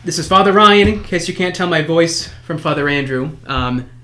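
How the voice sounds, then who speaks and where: A man from New Hampshire speaking as a priest in a podcast interview. His voice sits a little high for a man, and he talks in steady, fluent, sincere sentences. The space around him is roomy and echoey. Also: normal speed. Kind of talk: casual conversational storytelling. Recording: roomy echo.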